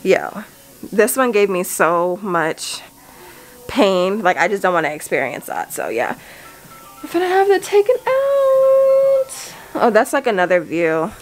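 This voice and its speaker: A woman's voice: mid-range voice, huge pitch swings, unhurried, faint music behind, low-quality recording. A woman in her thirties chatting casually and nervously to viewers on a handheld camera, candid and talkative. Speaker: family vlogger. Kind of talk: casual vlog chat to viewers. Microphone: handheld camera at arm's length.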